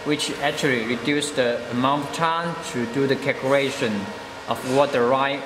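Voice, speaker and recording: A man explaining the settings of a welding machine in a measured, step-by-step voice-over, stressing key words. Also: mid-range voice, fairly even intonation, echoey room, long reverb tail, noisy background. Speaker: product demonstrator. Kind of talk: product demonstration voice-over.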